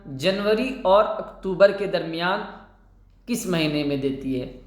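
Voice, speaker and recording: A man's voice: high-pitched, reverberant. A man teaching an online exam prep lesson, explaining patiently, repeating answers and posing questions back to the students.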